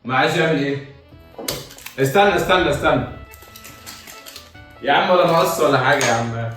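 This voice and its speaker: A young man with an Egyptian Arabic accent hosting a casual challenge video, talking loudly and half-shouting his instructions. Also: fairly high pitch, fairly quick. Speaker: YouTuber host. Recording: echoey room, far from mic, music behind.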